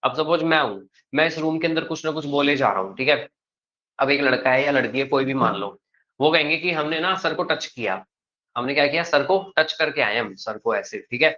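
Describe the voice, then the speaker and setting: A male teacher lectures a class at an unhurried, even pace and keeps stopping to check that the students follow. His voice is bright and forward. The classroom recording is muffled and lo-fi. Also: fairly high pitch.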